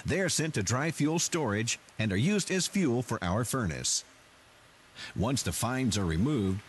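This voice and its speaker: Man narrating an industrial tour, lively pitch. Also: a little hiss or hum.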